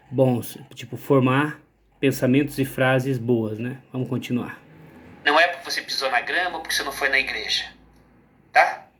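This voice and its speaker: A man's voice: mid-range voice, a bit bright. A man with a Brazilian Portuguese accent giving an informal spiritual monologue, emphatic and rambling, often asking rhetorical questions. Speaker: spiritual speaker. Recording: roomy echo.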